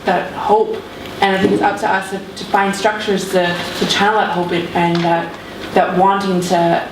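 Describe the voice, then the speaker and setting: A woman's voice: medium pitch, little pitch movement, moderate pace. A woman in the audience making an earnest comment, repeating words as she thinks. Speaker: audience member. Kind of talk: comment from the floor. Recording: echoey room, mic far off, clear background noise.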